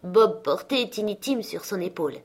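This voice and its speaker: A woman narrating a classic story as an audiobook, with a lively, expressive reading. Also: medium pitch, moderate pace, husky. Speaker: audiobook reader.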